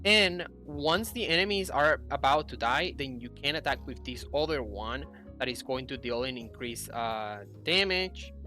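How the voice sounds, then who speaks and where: A man's voice: mid-range voice, animated, measured pace, sharp tone. A young man giving casual game commentary, explaining things and thinking aloud as he plays. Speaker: gaming YouTuber. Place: indoor room at a computer. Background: game music.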